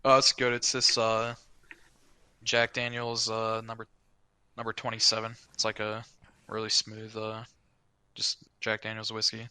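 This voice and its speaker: A man's voice: lowish voice, completely flat delivery, unhurried, pushed and bright, clean tone, no echo. A man being interviewed as a podcast guest, explaining things steadily in a rambling way with lots of "you know" and "like". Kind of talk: casual interview talk.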